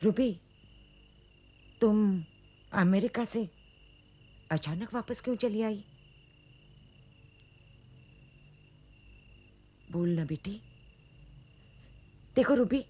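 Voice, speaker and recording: A woman's voice: medium pitch, animated, a little slow, long pauses, mellow, breathy edge. A woman playing a caring, motherly aunt who speaks tenderly to her niece. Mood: gentle. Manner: pleading, tender. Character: caring middle-aged aunt, emotional, motherly. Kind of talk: Hindi TV serial acting.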